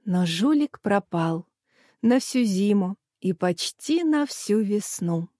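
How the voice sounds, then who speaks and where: A woman calmly reading a children's story aloud. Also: mid-range voice, slow pace, no room sound, clean studio sound. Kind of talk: storybook narration.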